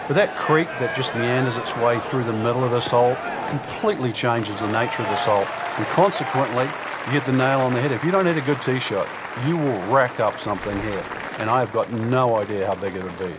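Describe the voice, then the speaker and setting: A man's voice: medium pitch, fairly quick, close to an everyday voice. A man giving expert golf commentary as an analyst, in a considered, conversational way. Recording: noisy outdoor crowd behind the voice. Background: crowd and outdoor ambience.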